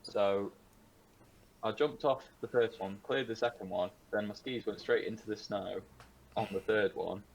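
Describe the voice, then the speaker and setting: A man's voice: lowish voice, steady tone, unhurried, gravelly, a little hiss or hum, rough recording. A young man co-hosting a podcast over a video call, telling rambling anecdotes in a casual way. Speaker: podcast co-host. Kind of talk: casual storytelling.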